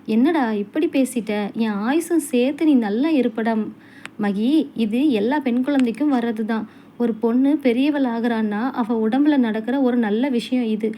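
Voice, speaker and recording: A woman's voice: on the high side, a little slow, dark tone, a little hiss or hum, lightly acted. A woman voicing a caring widowed father who talks to his daughter tenderly and anxiously. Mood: soothing. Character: caring widowed father, middle-aged man.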